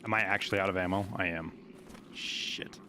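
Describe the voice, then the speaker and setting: A man live-streaming a game, chatting casually and swearing as he reacts excitably to the play. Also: low-pitched, rapid-fire, heavy background noise. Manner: sweary, excitable exclamations while playing. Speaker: game streamer, video guide maker. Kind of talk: live gameplay commentary and casual chat.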